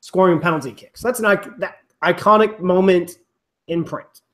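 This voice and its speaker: A man's voice: high voice, normal speed, fairly bright tone. A man hosting a casual chat, rambling with restarts and the odd swear. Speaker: rugby podcast host.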